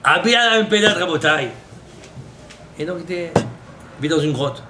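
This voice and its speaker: Male rabbi, lively storyteller voice, fairly high, hiss behind it. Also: moderate pace. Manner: storytelling with Hebrew and Aramaic quotes, animated. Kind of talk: Torah lesson in French. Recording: noisy recording.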